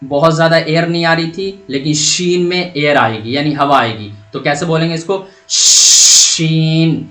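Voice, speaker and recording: A man with a fairly high voice gives a patient, step-by-step pronunciation lesson. He poses questions and answers them himself, and he draws out each letter sound slowly so learners can copy it. The recording is roomy and echoey. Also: fairly bright tone. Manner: stretches out letter sounds to demonstrate. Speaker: Quran reading teacher.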